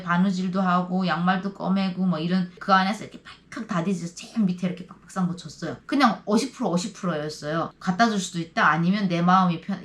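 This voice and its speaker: A North Korean woman casually telling a personal story to the camera, often acting out the voices of people she quotes. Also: lowish voice. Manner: lively, acts out quoted voices. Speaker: YouTube storyteller.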